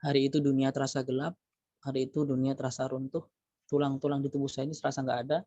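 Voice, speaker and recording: A man's voice: medium pitch, flat delivery, fast talker, mellow, no room sound. A middle-aged man, a lecturer, giving a religious motivational talk to students over a video call, emphatic and preachy, with many rhetorical questions. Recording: dull lo-fi video call audio, dry.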